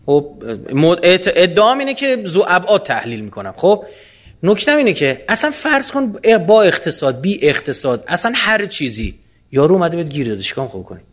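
A man answering audience questions in a colloquial lecture, animated and full of rhetorical questions. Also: high-pitched.

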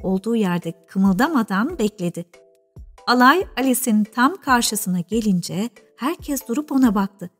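A woman's voice: a little high, lively intonation, unhurried, soft background music. Woman reading a storybook aloud. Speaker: narrator.

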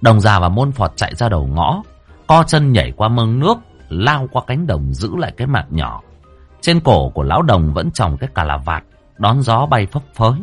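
A man narrating a comic ghost story in a lively, animated way. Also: lowish voice, normal speed, breathy edge, soft background music.

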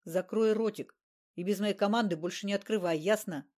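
A woman's voice: mid-range voice, moderate pace, a little mellow, lightly acted. A woman reading the lines of a cocky male gang boss who gives curt, bossy orders. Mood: commanding.

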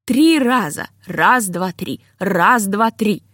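A woman's voice: mid-range voice, lively intonation, slow pace, a bit bright, no echo, studio quality. A woman voicing a weary, self-reproaching middle-aged male composer in a storybook reading. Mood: gloomy.

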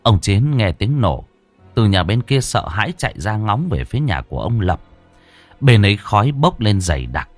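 A man narrating a horror story in an expressive storytelling manner. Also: lowish voice, normal speed. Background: faint background music.

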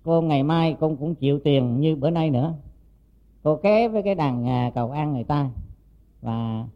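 A monk telling a story in a sermon, his voice on the higher side for a man. He talks earnestly and fills his pauses with soft hesitations. The recording sounds dull and lo-fi. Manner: many hesitant "à" fillers, earnest. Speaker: Buddhist monk teacher.

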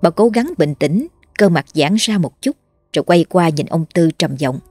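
A woman narrating a horror story in a measured, dramatic way. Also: fairly low pitch, animated, darkish tone, no room sound. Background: faint music.

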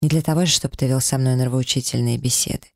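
A man reading a romance audiobook, voicing an emotional young woman in love with a raised pitch and a breathless, pleading manner. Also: fairly even intonation, fast, vocal fry, dry recording, clean studio sound, lightly acted. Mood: tender.

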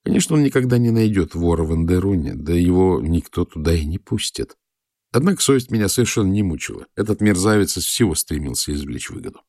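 A man calmly reading a first-person story as an audiobook narrator. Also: low voice, fast talker, creaky.

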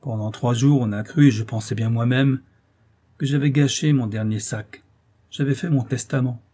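A man voicing an anguished middle-aged contractor father in an audiobook, speaking loudly in a hoarse, clipped, emphatic way. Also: mid-range voice, steady tone, normal speed, natural voice. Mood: grieving. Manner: loud, grieving, emphatic pleading. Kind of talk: audiobook character voice.

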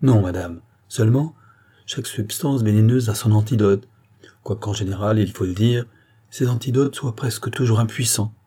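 A man reading an audiobook plays a composed, courteous doctor in a calm, measured way. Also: on the low side, slightly rough.

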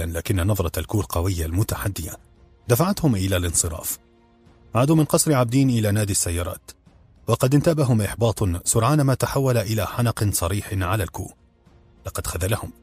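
A man's voice: on the low side, darkish tone, slightly rough, dry recording. A man reading an audiobook, narrating dramatically. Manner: dramatic storytelling. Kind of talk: scripted narration.

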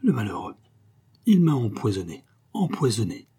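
A man voicing a drunk master locksmith who mumbles and stammers, his voice often raised higher and louder than his narration. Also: wildly swooping pitch, moderate pace, husky, heavily acted. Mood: groggy, indignant.

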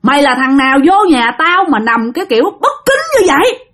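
A woman's voice: big pitch swings, fairly quick, fairly bright tone. A woman voicing the furious ghost of a dead mother, scolding. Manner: shrill scolding tirade.

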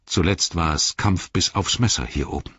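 A calm elf warrior speaks coolly and matter-of-factly, as a man reading the story voices him. The voice sits low with a husky grain. The recording sounds slightly dull. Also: normal speed, dry recording, heavily acted.

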